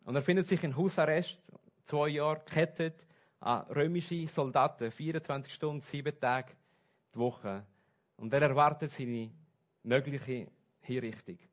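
A man preaching a sermon, switching between soft asides and loud, stressed points. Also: fairly high pitch, a little slow. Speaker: pastor.

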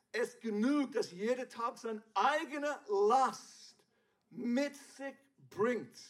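High-voiced pastor preaching casually. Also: male voice. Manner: conversational, playful asides with the congregation. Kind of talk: sermon.

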